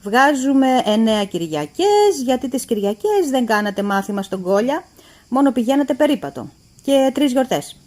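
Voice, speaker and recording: A woman voicing a stingy, mocking middle-aged male employer who talks in a loud, pointed, lecturing way. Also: high-pitched, big pitch swings.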